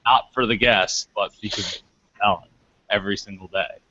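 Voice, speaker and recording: A man's voice: fairly low pitch, fairly even intonation, normal speed, sharp tone. A man hosting a casual online round-table discussion, talking in a rambling way with many restarts. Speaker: podcast host. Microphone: online call microphone. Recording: dull lo-fi call audio.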